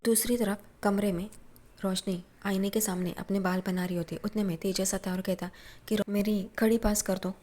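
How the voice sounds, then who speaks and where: A woman's voice: mid-range voice, steady tone, moderate pace, dark tone. Woman retelling a TV serial. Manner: plain retelling, reads every character's lines in her own voice. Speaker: serial recap narrator. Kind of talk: recap narration with quoted dialogue.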